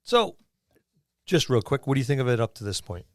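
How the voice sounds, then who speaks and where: A man with a mid-range, sing-song voice speaks a little fast as he hosts a casual tabletop role-playing podcast. An experienced game master, he rambles and explains things through examples. The studio-quality recording has no room sound.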